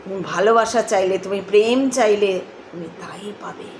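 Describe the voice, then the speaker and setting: A woman giving a spiritual talk, musing slowly and breaking into song. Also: mid-range voice, roomy sound, a little hiss or hum, poor audio. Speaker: host.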